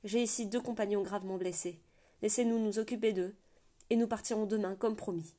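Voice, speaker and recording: A woman's voice: mid-range voice, steady tone, a little fast, warm tone, lightly acted. Woman voicing a desperate proud young man. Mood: urgent.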